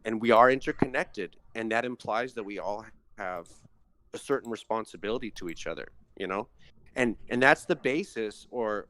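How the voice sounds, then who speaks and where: A man's voice: on the low side, a bit bright. A man hosting a casual talk, explaining ideas in a thoughtful, philosophical way and often checking in with "you know" and "right.". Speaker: astrologer host. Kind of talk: casual conversational teaching.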